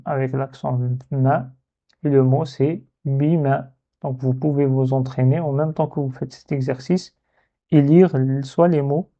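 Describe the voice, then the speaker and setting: A man teaching a lesson step by step, patient, and repeating words slowly so they can be copied. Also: fairly high pitch, creaky, mellow, highs cut off. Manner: slow, patient, repeats words to model pronunciation.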